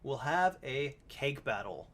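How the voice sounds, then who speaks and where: Lively man hosting an improv game show. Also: medium pitch, slow, heavy background noise.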